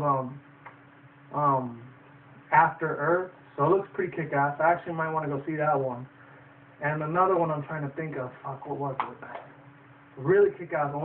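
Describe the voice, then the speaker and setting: Young man, rambling profane film review, fairly high voice, far from the mic, faint noise. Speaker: movie reviewer. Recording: distant tinny phone-like audio with faint noise.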